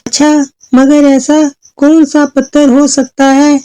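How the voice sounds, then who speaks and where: A woman's voice: high voice, flat delivery, slow, warm tone, slight background noise, pitched above the performer's own voice. A woman voicing a caring but firm mother who questions her daughter in a children's story. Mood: concerned. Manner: questioning, coaxing.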